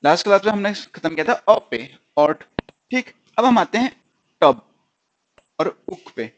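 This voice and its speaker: A male stenography teacher giving a classroom lesson. He explains slowly, repeats sounds and words for the class to drill, keeps checking with "okay?", and says words. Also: high-pitched, big pitch swings, muffled recording, slight background noise.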